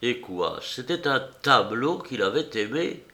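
A man reading a novel aloud as narrator, in a measured, steady storytelling manner. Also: mid-range voice. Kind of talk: audiobook reading.

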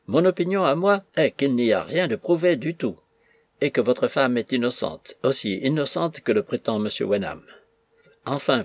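A man voicing a blunt, gruff army captain who speaks firmly and commandingly. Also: mid-range voice, no echo, natural voice. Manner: firm, commanding.

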